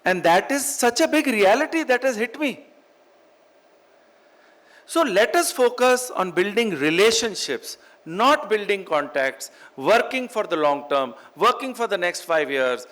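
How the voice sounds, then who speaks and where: A middle-aged man from Chandigarh, India, speaks with a North Indian accent in a high-pitched, animated and slightly bright voice at a measured pace. A real estate executive delivering a motivational business keynote, he is emphatic, repeating phrases in parallel for effect and switching between English and Hindi.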